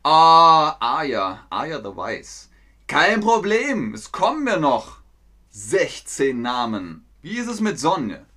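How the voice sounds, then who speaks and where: Guy teaching over a stream, playful and slow, voice bouncing up and down, a bit high. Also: sing-song, pushed and bright. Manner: playful, talks slowly and clearly. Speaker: German teacher streaming to chat. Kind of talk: playful live-stream lesson.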